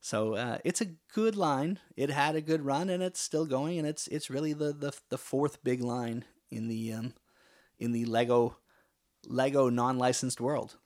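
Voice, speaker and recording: A man with a gravelly edge to his mid-pitched voice, co-hosting a casual podcast. He talks in an easygoing way, often restarting and trailing his sentences. The feel is relaxed, friendly banter. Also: unhurried. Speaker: podcast co-host. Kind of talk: casual chat.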